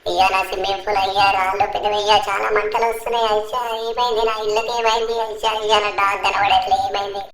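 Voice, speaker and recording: A woman's voice: medium pitch, little pitch movement, very fast, hardly any pauses, natural voice. A woman voicing an anxious young man in a gaming cartoon voiceover, pleading and repeating himself in a panic. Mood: panicked. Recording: echoey room with faint music.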